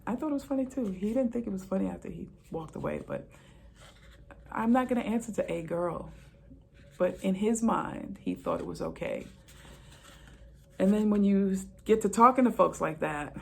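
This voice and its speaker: A woman's voice: lowish voice, gravelly, slight background noise. A middle-aged woman, a retired police officer, telling stories in a casual monologue and repeating phrases for emphasis.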